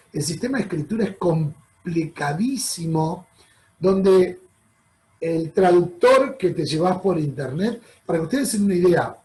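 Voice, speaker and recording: A man's voice: high voice, a little mellow, rough recording. A man with a Rioplatense Spanish accent giving a chatty, explanatory travel talk over slides, often checking in with his audience. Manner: chatty, addresses audience as "chicos"; explanatory, frequent "¿ok?" check-ins. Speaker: travel presenter.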